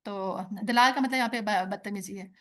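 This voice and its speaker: A woman's voice: mid-range voice, moderate pace. A woman giving a religious lesson, explaining at length and mixing in English phrases and quoted Arabic. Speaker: teacher. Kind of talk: religious lecture.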